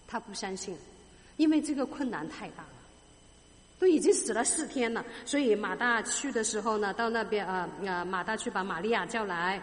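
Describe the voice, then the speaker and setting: Higher-voiced woman preaching in a reverberant hall. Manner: explanatory, with rhetorical questions to the listeners. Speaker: Bible teacher. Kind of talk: sermon, explaining scripture verse by verse.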